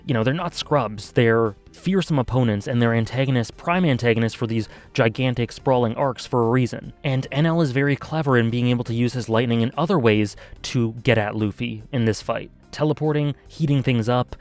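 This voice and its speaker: A man's voice: medium pitch, a little fast, hardly any pauses, a little mellow, faint music behind. A man casually reviewing an anime arc, thinking aloud with many fillers and self-corrections.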